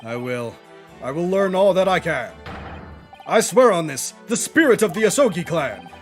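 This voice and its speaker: A man's voice: sits high, very animated, moderate pace, faint music behind. A man voicing a proud, resolute young male swordsman in a video game, speaking in a solemn, declamatory way.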